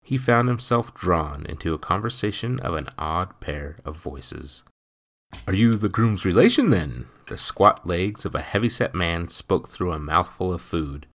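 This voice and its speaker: Deep-voiced man narrating a story. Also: unhurried, few pauses. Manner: expressive, dramatic reading.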